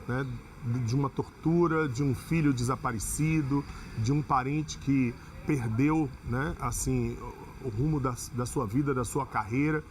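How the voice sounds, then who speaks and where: A man in an interview speaking reflectively, often repeating himself and pausing on fillers. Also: mid-range voice, darkish tone, a little hiss or hum. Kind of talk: interview commentary.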